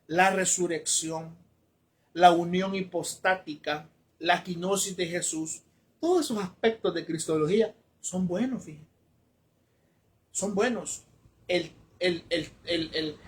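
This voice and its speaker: A man's voice: fairly high pitch, a bit bright. A man preaching a sermon emphatically, repeating phrases for stress and correcting himself as he goes. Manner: corrects himself mid-sentence.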